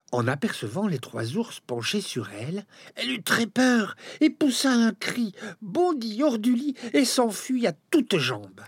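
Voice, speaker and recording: A man reading a children's fairy tale aloud, very expressive, and now and then speaking straight to his listeners. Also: high-pitched, slightly rough, no echo, clean studio sound. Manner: expressive, addresses listeners directly. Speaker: storyteller.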